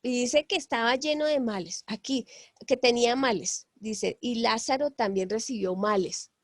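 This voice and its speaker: A woman tutor teaching a Bible lesson over a call, halting with many fillers and apologetic asides while she draws. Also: on the high side, no room sound, studio quality.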